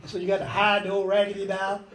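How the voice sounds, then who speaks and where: A man with a notably high voice delivers a sermon, breaking into amens and hallelujahs as he goes. His preaching is folksy and conversational, full of homely asides, and he slips into the voices of biblical figures to act out their dialogue. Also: completely flat delivery, fast, a bit bright.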